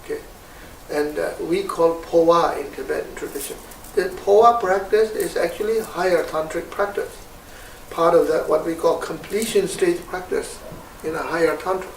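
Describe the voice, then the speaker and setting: A man teaching and guiding a meditation, speaking slowly and haltingly as he searches for words, and sharply calling out meditation syllables. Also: a little high, gravelly, a little hiss or hum. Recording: roomy, distant mic, faint ambience.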